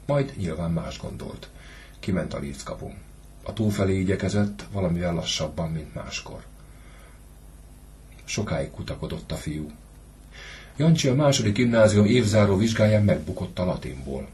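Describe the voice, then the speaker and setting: A man with a deep, low voice narrates a classic literary story for an audiobook. His delivery is measured and steady. A faint hiss runs under the recording.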